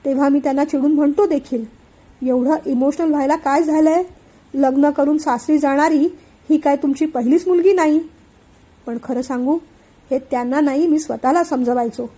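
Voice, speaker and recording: Woman reading as emotional elder brother, young man, earnest and tender, high voice, mellow tone, storybook reading. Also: steady tone, moderate pace, close to an everyday voice. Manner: heartfelt, earnest monologue.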